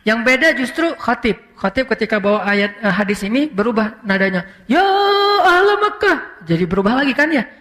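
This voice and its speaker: A male preacher tells a story in a relaxed, chatty sermon style. He slips English words into his speech. His voice sits very high for a man, and it trails off into a long hall echo. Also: a little fast. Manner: conversational, mixing in English words, animated retelling.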